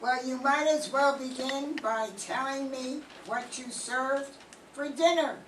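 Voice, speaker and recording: An older woman playing a calm, methodical homicide sergeant in an old radio mystery, with deliberate, businesslike questioning. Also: high-pitched. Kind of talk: 1940s radio mystery acting, read from script. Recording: roomy, distant mic, faint noise.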